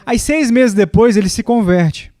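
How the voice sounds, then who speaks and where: High-voiced man preaching in a dry room. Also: a little slow, mellow, no echo. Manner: storytelling with acted quotes, rising pitch in the quoted lines. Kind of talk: sermon.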